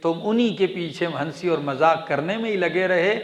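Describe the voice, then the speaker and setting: A man from Pakistan delivers a Quran commentary sermon, his voice sitting high for a man. He chants each verse, then explains it plainly and checks in with his listeners. The sound rings with a long, roomy echo. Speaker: preacher.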